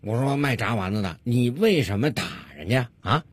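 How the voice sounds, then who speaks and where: A man voicing a gruff, dismissive male police officer who scolds in a low voice. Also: expressive, normal speed, dry recording. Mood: scolding.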